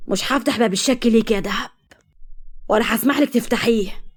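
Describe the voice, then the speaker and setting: A woman with an Egyptian accent voicing a cold, possessive, jealous young husband in a read-aloud story, speaking low and menacing. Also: quick pace, slightly rough. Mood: coldly menacing. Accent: Egyptian Arabic. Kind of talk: storybook reading.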